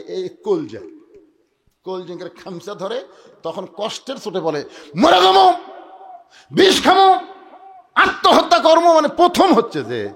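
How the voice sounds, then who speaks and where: A man from Bangladesh with a Bogra Bengali accent preaching a waz sermon in a high voice. He drops to soft, intimate storytelling, then rises into fervent shouted passages and chanted verses. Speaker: Islamic preacher.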